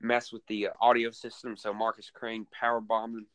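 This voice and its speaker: Low-voiced male co-host, casual rambling recap, dry close sound. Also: flat delivery, a little fast, a bit bright, dry recording. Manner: rambling, with many fillers. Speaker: co-host recapping a wrestling show. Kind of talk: casual podcast chat.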